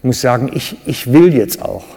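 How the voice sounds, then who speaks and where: A man with a German accent preaching a sermon, animated, with sudden loud high bursts when he acts out cries and quotes. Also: normal speed, creaky, slightly rough. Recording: reverberant hall.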